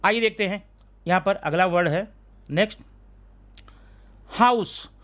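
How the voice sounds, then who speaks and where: A man teaching English grammar in a classroom-style lesson, sounding out letters slowly and often asking his students if they follow. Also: high voice, fairly bright tone. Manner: keeps asking students rhetorical check questions.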